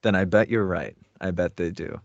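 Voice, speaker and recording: A man speaking as a voice actor guest in a relaxed, self-deprecating interview chat. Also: sits low, normal speed. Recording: dull lo-fi dry sound.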